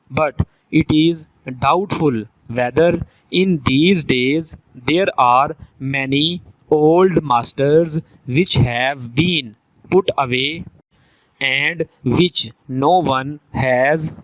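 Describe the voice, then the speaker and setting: A man dictating a text for shorthand practice in short, measured phrases, calling out the punctuation. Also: mid-range voice, no room sound, rough recording.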